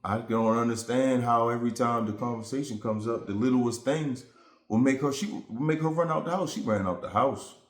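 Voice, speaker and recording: Speaking at a moderate pace and medium pitch, a man talks his viewers through a relationship hurt in a vlog. It's a casual, earnest, rambling vent to camera, reflective in tone, with a roomy sound.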